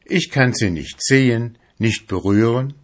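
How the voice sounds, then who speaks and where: A man's voice: medium pitch, measured pace, voice pushed up, close to an everyday voice. A man voicing a young lovestruck fisherman who speaks in an eager, pleading way, raised above his own voice. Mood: tender, pleading.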